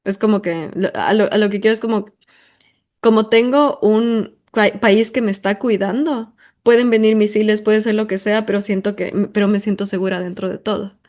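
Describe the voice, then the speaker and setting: A woman's voice: medium pitch, steady tone, normal speed, darkish tone. A woman from Ecuador, hosting a personal monologue in an emphatic, talkative way full of intensifiers and fillers. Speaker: podcast host.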